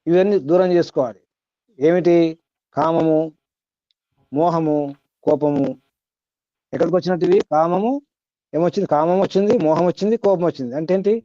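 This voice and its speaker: Man, spiritual teacher, mellow higher voice, repetitive, quizzes listeners, dull dry sound. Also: moderate pace, pauses often, no room sound. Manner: repetitive, quizzing listeners, chanting Sanskrit verses. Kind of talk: spiritual discourse to a class.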